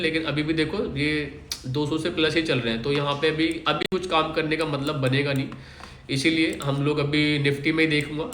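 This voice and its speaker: Male trading host, casual explainer, checks in with listeners often; tense bright tone, roomy recording. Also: on the high side, slight background noise. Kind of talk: casual chart walkthrough. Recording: echoey room.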